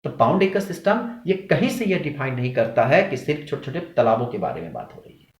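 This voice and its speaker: A man teaching a lecture, who asks his students questions and answers them himself, with sharp rises and drops in pitch to stress his points. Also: wildly swooping pitch, fast talker. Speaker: zoology teacher. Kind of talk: classroom lecture. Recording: echoey room.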